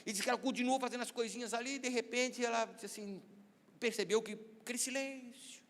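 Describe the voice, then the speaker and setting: A man with a Brazilian Portuguese accent, a pastor preaching a sermon and telling a story with animated, acted-out voices. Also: very high-pitched, fast talker. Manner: animated, acts out voices in anecdotes. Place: church sanctuary. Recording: reverberant church hall.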